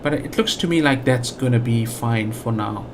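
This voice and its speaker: Speaking at a moderate pace and medium pitch against background noise, a South African gaming channel host narrates a let's play. It's loose, thinking-out-loud commentary peppered with fillers and restarts.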